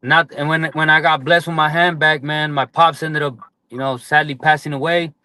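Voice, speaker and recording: A man's voice: fairly high pitch, level tone, normal speed, sharp tone, dry recording. A man in his late twenties, a boxer and guest, speaking earnestly and from the heart, tacking "man" and "brother" onto his sentences. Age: 20s. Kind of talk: casual interview chat.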